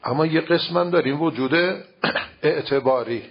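A man's voice: a little high, creaky, slightly rough. A man teaching religious philosophy in an informal lecture, explaining with everyday examples and rhetorical questions. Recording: dull lo-fi recording.

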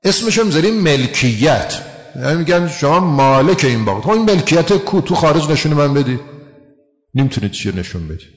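A man's voice: a little high, very animated, big-room sound. A man giving a religious lecture, explaining a text and asking his listeners rhetorical questions.

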